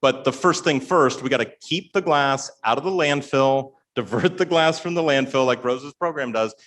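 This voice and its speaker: A man's voice: mid-range voice, moderate pace, fairly bright tone. A man on a panel answering a question, explaining at length and often adding "right?".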